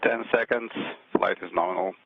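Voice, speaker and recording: A man's voice: low-pitched, steady tone, normal speed, vocal fry, no echo. A man giving terse, clipped status reports as a mission control communicator over a breaking-up space radio link. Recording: tinny radio comms channel.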